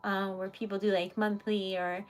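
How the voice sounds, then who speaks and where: At normal speed and in a mid-range voice with little pitch movement, a woman hosts her livestream. She's an independent artist from Rhode Island whose accent comes through as she chats casually and animatedly, rambling and giggling.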